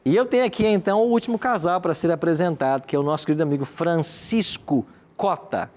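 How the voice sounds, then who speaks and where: A man's voice: on the high side, fast, a little mellow. A Brazilian man, a pastor and host, cordially introducing studio guests in a talkative way with frequent tag questions. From Minas Gerais, Brazil. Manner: cordial, talkative, often tags remarks with questions.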